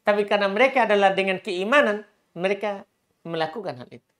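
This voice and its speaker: A man's voice: sits high, quick pace, fairly bright tone. A middle-aged male Islamic preacher, giving a religious lecture and answering questions. He repeats key phrases and his voice climbs sharply when he stresses a point.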